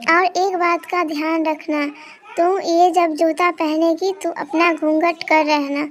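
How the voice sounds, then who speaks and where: A woman voicing a tender spirit mother. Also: very high voice. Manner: tender, comforting. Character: loving magical spirit mother, adult woman.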